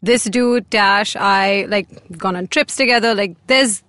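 A woman's voice: mid-range voice, measured pace, a bit bright, no room sound, clean studio sound. An Indian woman co-hosting a podcast, bantering casually with a friend in a teasing, interjecting manner. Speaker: podcast co-host.

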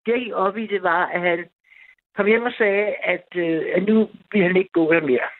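A woman in her fifties telling a long personal story on a call-in radio show, rambling, with many restarts and fillers. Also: on the low side. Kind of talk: casual phone-in storytelling. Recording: tinny phone line, dry.

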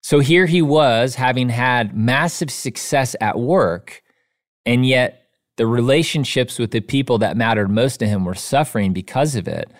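A man's voice: medium pitch, moderate pace. A man, an author being interviewed, who talks earnestly in a storytelling way and often says "you know". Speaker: author and guest. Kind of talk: casual interview chat.

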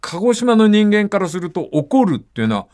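Older man, radio host, casual talk, reading listener letters, lively swooping pitch, slightly high voice, acts out little voices. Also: a little fast. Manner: animated storytelling, acts out dialect phrases.

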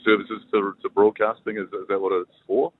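A radio broadcaster with a New Zealand accent chats casually and hesitantly on his mobile phone, first at a bus stop and then aboard the bus. His voice is lowish and level, a little fast, and the phone line sounds narrow and tinny.

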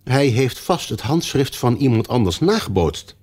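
A man voicing a pompous, flustered old king in a storybook reading, slow and solemn. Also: medium pitch, very animated, darkish tone, voice pushed up.

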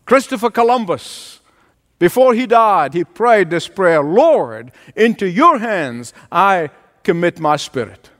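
High-voiced preacher in a reverberant hall. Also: male voice, sing-song, slow, a bit bright. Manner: emphatic preaching with repeated phrases. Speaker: pastor. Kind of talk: sermon.

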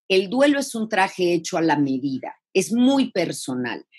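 Husky Mexican woman giving grief advice. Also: deep voice. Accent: Mexican Spanish. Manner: expressive, acts out quoted phrases, rhetorical questions. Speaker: thanatologist guest. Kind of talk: podcast interview, advice.

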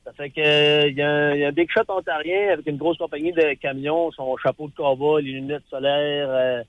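A man's voice: a little high, fairly even intonation, normal speed, no room sound. A man with a Quebec French accent calling in to a radio show and telling a story casually. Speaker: caller. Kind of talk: phone-in anecdote. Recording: dull phone line.

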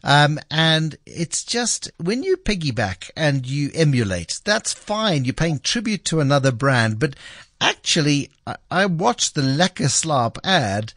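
A man's voice: fairly high pitch, very animated, measured pace, a bit bright, no echo, studio quality. A man hosting a radio show with conversational commentary, emphatic and repeating phrases for effect.

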